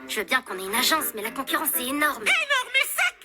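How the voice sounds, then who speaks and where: A woman voicing an excitable young female talent agent in a comedic parody dub, with a shrill, giggly, rapid-fire delivery over music. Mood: giddy.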